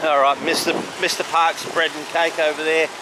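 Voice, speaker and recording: Pointing out sights in a halting, casual way, an Australian vlogger narrates a walking tour along a city street. His pitch is fairly high and his tone stays level. Traffic can be heard clearly throughout this outdoor street recording.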